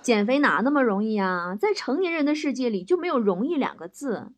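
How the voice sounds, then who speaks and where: A woman's voice: a little high, big pitch swings, brisk. A woman telling a string of comic stories in a chatty way, laughing between the jokes. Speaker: joke teller. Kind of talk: comic storytelling.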